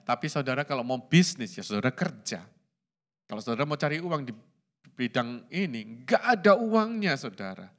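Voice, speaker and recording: A middle-aged male pastor, preaching a sermon in an animated way, slipping in English phrases and laughing at his own jokes. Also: mid-range voice, normal speed.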